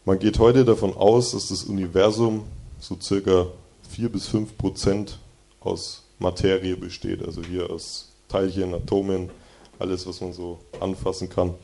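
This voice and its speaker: A man with a low, gravelly voice gives a sermon in a church hall. His tone is dark and mellow. He talks earnestly and conversationally, and he reads the Bible verses with more force. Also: flat delivery, unhurried, few pauses. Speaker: preacher giving a devotion. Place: church hall with slide projection.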